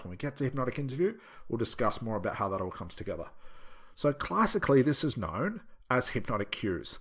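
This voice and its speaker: A man's voice: medium pitch, a bit bright, slightly rough. A man with a mid-range voice speaks as an instructor explaining a method to students. His delivery is conversational but emphatic, and he circles back to drive key points home. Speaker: hypnosis instructor.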